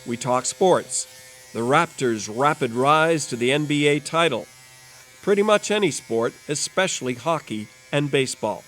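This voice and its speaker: A man hosting and narrating a community documentary in a measured, steady way. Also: fairly high pitch, slight background noise. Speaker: host and narrator.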